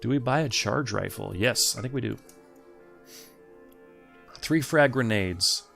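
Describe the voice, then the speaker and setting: A let's play host with a mid-range, creaky, slightly bright voice speaks unhurriedly as he plays. He offers casual commentary, thinks aloud, and chats with the characters on screen while faint game music plays.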